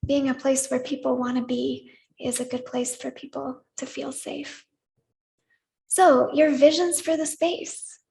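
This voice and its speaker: A woman leading a congregation in worship, gently inviting them to repeat words back to her. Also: sits high, little pitch movement, unhurried, vocal fry, low-quality recording. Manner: gentle, inviting, leads call-and-response. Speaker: service leader. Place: church sanctuary.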